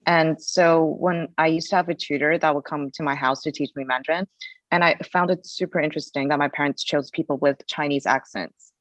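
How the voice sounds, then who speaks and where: A woman's voice: deep voice, fairly even intonation, a little fast, no echo, low-quality recording. A woman hosting a podcast, asking questions in conversational chat and often ending with "right?". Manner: conversational, frequent "right?" tags. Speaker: podcast host. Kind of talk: casual interview chat.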